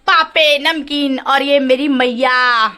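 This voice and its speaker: A woman's voice: high voice, fairly even intonation, slow pace, pushed and bright. A woman vlogging casually at home and at a village temple feast, chatting straight to her viewers. She talks in a rural dialect and drops English words in here and there.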